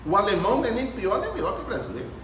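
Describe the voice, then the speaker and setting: With a high voice, huge pitch swings, and rapid-fire delivery, a male speaker at a Spiritist gathering gives a reflective spiritual lecture in an ecumenical hall, emphatically telling stories full of repetition and rhetorical questions. The audience listens as a distant phone camera records, leaving echo and clear background noise.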